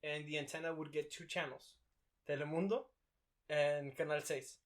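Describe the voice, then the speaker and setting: A man's voice: a little high, fairly even intonation, moderate pace. A young man from Mexico co-hosting a podcast in a laid-back, casual chat, swearing and laughing easily. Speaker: podcast co-host.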